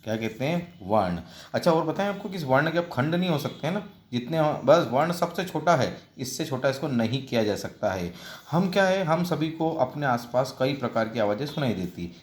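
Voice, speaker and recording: A man's voice: medium pitch, expressive. Man teaching a children's grammar class. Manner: asks questions then answers them himself, mixes in English words; spells words out slowly, counts aloud. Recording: echoey room.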